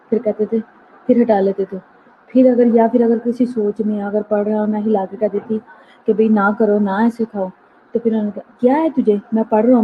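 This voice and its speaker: A woman teaching a nursing class online, explaining terms patiently and slowing down to read out English definitions. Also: medium pitch. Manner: explanatory, mixes English terms, reads slowly from notes. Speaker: nursing lecturer. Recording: tinny phone-like line, faint noise.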